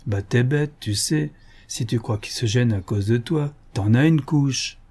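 A man's voice: mid-range voice, unhurried, a little mellow, slightly rough. A man doing a cheeky, slangy Parisian coquette. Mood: mocking. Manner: teasing, slangy, laughing. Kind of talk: audiobook character voice.

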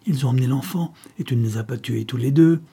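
A man's voice: mid-range voice, fast, vocal fry, mellow, husky. A man reading the part of a scheming older male gang chief who gives menacing commands.

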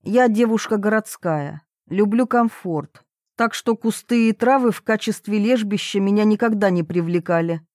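A woman's voice: medium pitch, normal speed, no echo, clean studio sound. Woman reading an audiobook with wry liveliness. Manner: wry, lively first-person storytelling. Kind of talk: audiobook narration.

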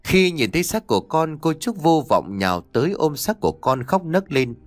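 A man's voice: a little high, very animated, moderate pace, dry recording. A man narrating a sad ghost story as an audiobook, reading dramatically.

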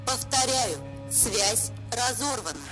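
A woman's voice: fairly high pitch, lively intonation, takes it slowly. A woman voicing a pleasant synthetic female voice that speaks like a polite, sing-song service announcer. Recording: music playing underneath.

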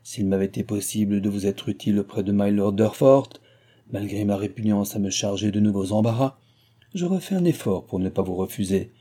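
A man's voice: on the low side, brisk, mellow, natural voice. A man reading aloud, voicing an arrogant aristocratic former guardian who lectures in a haughty manner. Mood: haughty, lecturing.

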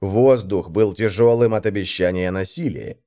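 A man narrating an audiobook in a dramatic, expressive reading. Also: deep voice, moderate pace. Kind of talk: scripted narration.

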